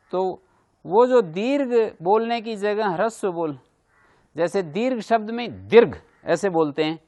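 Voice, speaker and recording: Male grammar teacher, patient lecturing manner; high-pitched, gravelly. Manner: explains patiently, repeats examples. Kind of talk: classroom lecture.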